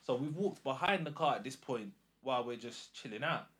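A man with a London roadman accent, casually telling an animated story in slang and acting out the dialogue. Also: medium pitch, a little fast. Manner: slangy, acts out quoted dialogue.

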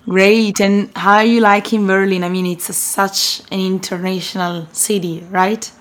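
A woman's voice: medium pitch, level tone, moderate pace. A woman hosting an interview, asking friendly, curious questions. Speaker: host.

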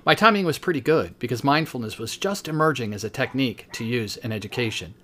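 A man's voice: mid-range voice, animated, fast, pushed and bright. Man, 50s, teacher and podcast host, reading his own book aloud with brief asides, mid-range voice.

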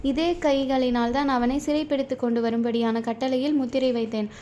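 A woman's voice: sits high, level tone, fairly quick, mellow, a little hiss or hum, lightly acted. A woman voicing a proud, fierce old male chieftain in a storybook reading, stern and commanding. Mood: anguished. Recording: dull lo-fi recording.

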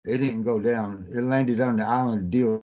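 A man calling in to a podcast, talking in a halting, rambling way with many fillers, over a phone line that keeps cutting out. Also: medium pitch, steady tone, warm tone. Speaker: podcast guest on a phone call. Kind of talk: casual rambling account.

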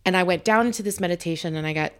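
A woman with a fairly low voice talks very fast while hosting a podcast from her home kitchen. It's a casual chat where she tells stories in a chatty way, full of fillers and restarts.

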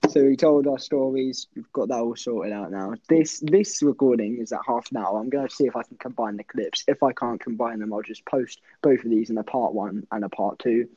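A young man chats casually on a podcast, winding through a story with restarts and fillers. His voice is mellow and dry, recorded close with no room sound. The audio is dull and lo-fi, like an online call. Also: medium pitch, fairly quick, hardly any pauses, husky, dry recording. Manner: rambling storytelling with many restarts. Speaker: podcast co-host. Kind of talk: casual chat.

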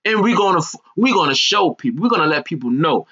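A man's voice: a little high, sing-song, fast talker, bright, forceful tone, highs cut off. An American man giving an informal sermon in colloquial, streetwise speech, emphatic and repeating phrases for effect. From United States. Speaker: preacher. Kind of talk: informal sermon with scripture reading.

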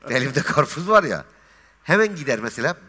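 A man's voice: medium pitch, a little fast, slightly rough. A man chatting as a guest on a talk show, telling stories and acting out the dialogue. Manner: lively storyteller, acts out dialogue. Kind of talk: casual chat.

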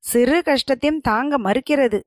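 A woman's voice: high voice, moderate pace, no room sound, studio quality, lightly acted. A woman reading a scornful giant warrior. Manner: scornful, mocking. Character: huge scornful male warrior, mocking giant.

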